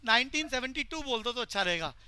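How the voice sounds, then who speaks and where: A male teacher lecturing a class and pressing the students for quick answers. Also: extremely high pitch, expressive, sharp tone.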